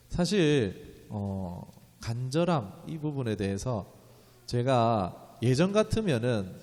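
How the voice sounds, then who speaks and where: A man's voice: mid-range voice, darkish tone. A man pastor giving a conversational Friday evening sermon, telling stories and acting out quotes in a raised voice. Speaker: pastor of a small new church. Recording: reverberant church hall.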